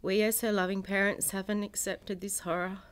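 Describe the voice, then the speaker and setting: A middle-aged woman, a bereaved mother reading a prepared personal statement in a solemn, measured way, in grief. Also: mid-range voice, flat delivery. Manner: solemn, measured delivery in short phrases. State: grieving.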